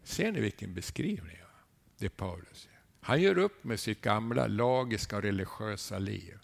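A man preaching a sermon, animated, asking his listeners rhetorical questions and adding a questioning "eh?" to his lines. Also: lowish voice, creaky. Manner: animated storytelling with sudden rises in volume.

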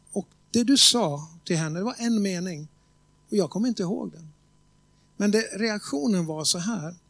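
A man with a notably high voice preaches a sermon, telling stories in a chatty, conversational way. He keeps checking that his listeners are following along and slows down to hammer home key words. The sound is close and dry, with almost no room echo. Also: gravelly, a bit bright. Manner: conversational, often asks the congregation if they follow; tells stories with quoted voices and emphatic slow stresses. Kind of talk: sermon with storytelling.

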